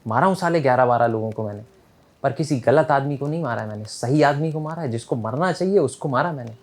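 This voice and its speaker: A man's voice: mid-range voice, lively intonation, fast talker, lightly acted. A man voicing a hot-headed male prisoner who rants indignantly about his love for animals, in a slangy way.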